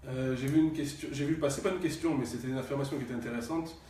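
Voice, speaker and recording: A man's voice: medium pitch, fast talker, warm tone. Male live-stream host, reads viewer comments, distant reverberant sound. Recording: distant echoey room sound.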